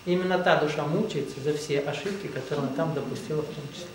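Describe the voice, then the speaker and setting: A man's voice: a little high, fast talker, background noise. A man giving a rambling, emphatic spiritual lecture, often saying "well, let's say". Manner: rambling, emphatic, repeats "ну, допустим". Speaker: spiritual teacher. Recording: echoey room, distant mic.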